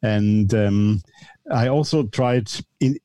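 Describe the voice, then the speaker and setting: A mature man answering interview questions in a measured, carefully qualified, conversational way. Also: fairly low pitch, mellow, no room sound. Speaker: podcast guest, esotericism podcaster.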